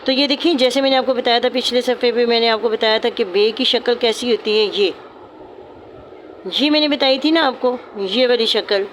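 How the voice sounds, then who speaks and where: A patient woman narrates a step-by-step calligraphy lesson, repeating her points and calling her students "beta." Her voice is fairly high and her pace moderate, with slight background noise.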